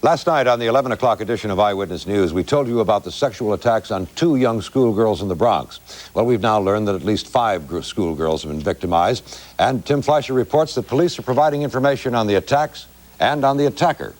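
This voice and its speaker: Brisk low-voiced male news anchor. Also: lively intonation, darkish tone. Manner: brisk, formal delivery. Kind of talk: newscast anchoring.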